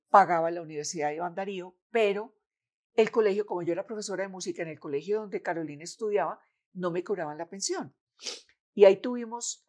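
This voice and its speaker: An older woman with a Colombian accent, a guest in a conversation, telling a personal family story and acting out the voices of the people in it. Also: lowish voice. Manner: animated, acts out the voices of people in her story. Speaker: interview guest, mother of the host.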